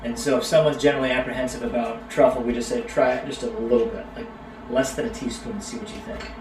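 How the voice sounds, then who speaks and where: A middle-aged man co-hosts a live cooking stream, talking fast in a mid-range voice. Relaxed and chatty, he addresses viewers and his kids by name. A distant mic gives the sound a roomy feel with faint background noise.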